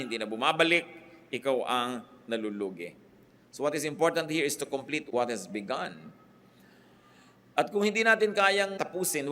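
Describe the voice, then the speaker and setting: A middle-aged Filipino pastor preaches in a Filipino accent, his voice sitting at an ordinary middle pitch. He moves between Tagalog and English and drives his points home with sudden rises and drops in pitch and loudness. A faint hum of background noise sits behind him. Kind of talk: sermon.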